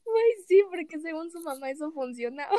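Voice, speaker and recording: A woman's voice: high voice, animated, brisk, a loud crowd. A young woman with a Mexican Spanish accent tells a story animatedly in casual chat, acting out the dialogue.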